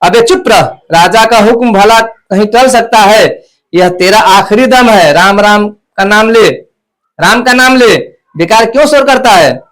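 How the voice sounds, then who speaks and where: A man voicing a gruff male guard who harshly orders a prisoner to be quiet. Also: sits high, unhurried, poor audio.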